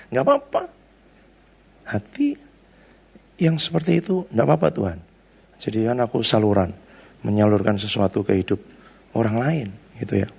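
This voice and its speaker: A man's voice: fairly low pitch, normal speed, gravelly, long pauses, darkish tone, slightly rough. A male pastor giving a conversational sermon, telling stories in a chatty way with frequent tag questions.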